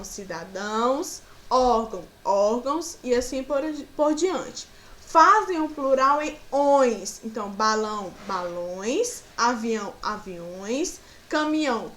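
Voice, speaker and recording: A woman with a Brazilian Portuguese accent teaching a grammar lesson to children, patiently walking through example words. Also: fairly high pitch.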